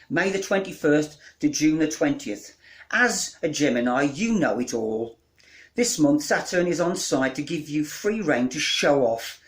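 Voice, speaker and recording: Man reading his own comic pieces, deadpan, slightly high voice. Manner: deadpan comic delivery, rattling off long lists. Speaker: spoken-word performer.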